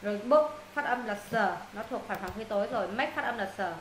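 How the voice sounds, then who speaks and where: A woman teaching an English lesson to her students, walking them through answers and firing quick questions to check they follow. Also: mid-range voice, animated. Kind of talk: classroom lesson explaining answers. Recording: roomy echo, faint noise.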